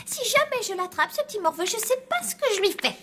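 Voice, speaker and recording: A woman's voice: extremely high pitch, big pitch swings, fast talker. An actress voicing a fed-up little zombie schoolgirl in a cartoon, childlike and grumbling. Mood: weary, annoyed. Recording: loud music over the voice.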